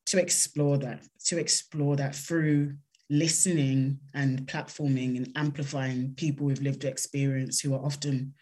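A woman with a South London accent answering interview questions in an earnest, measured, conversational way. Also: very deep voice, flat delivery, dark tone. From South London, England. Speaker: interview guest, consultant.

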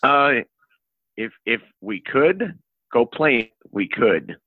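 A middle-aged home inspection business owner from Upper Michigan, US, speaks with a Yooper accent as a guest in a conversational interview, sounding folksy, wordy and playful. His mid-range voice is very animated but slow. The audio is echoey and narrow, like a phone call.

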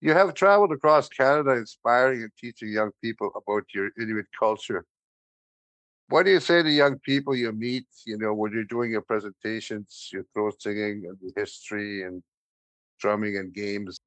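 A man hosting a podcast interview, speaking in a halting way with fillers and restarts. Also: fairly low pitch, fairly bright tone, no room sound. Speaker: podcast host. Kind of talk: casual interview chat. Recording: dull lo-fi podcast audio.

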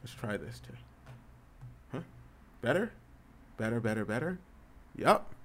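A man's voice: mid-range voice, sing-song, unhurried. A young man, a streamer, telling a story in casual chat, rambling and swearing, growing heated as he retells it.

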